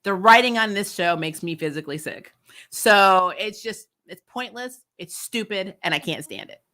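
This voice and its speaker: Expressive and sharp-toned, this mid-range voice moves at a moderate pace. The woman behind it runs a TV recap channel and offers blunt, sweary, exasperated opinions in a casual review chat, repeating herself for emphasis.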